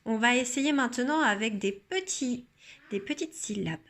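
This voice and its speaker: A woman teacher calmly explaining a reading method, sounding out syllables slowly and carefully. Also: a little high. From France. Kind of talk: instructional demonstration.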